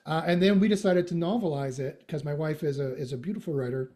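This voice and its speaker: A man's voice: a little high, fast talker, dark tone. A middle-aged man from Western Canada with a slight Canadian accent, chatting as a podcast guest with many fillers, restarts and joking asides. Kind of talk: casual interview chat.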